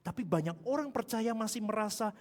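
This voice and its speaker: A male pastor preaching a sermon. He swings from hushed asides to shouting and calls the congregation to answer back. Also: sits high, expressive, fairly quick. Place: large church hall. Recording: long hall reverb with music behind.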